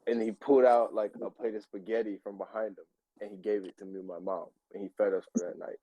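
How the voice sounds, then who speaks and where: A man's voice: lowish voice, quick pace, no echo, highs cut off. A young man co-hosting a casual podcast, telling tall tales with a straight face. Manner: playful, tells tall tales deadpan. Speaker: podcast co-host. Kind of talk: casual joking chat.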